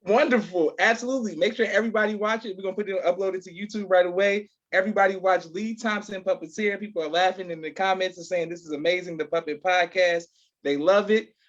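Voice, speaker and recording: This podcast host, a man, has a high-sitting voice with a steady tone and a quick pace. He runs a casual live interview, effusive and affirming, frequently repeating his words, and the audio is dull, lo-fi online call sound.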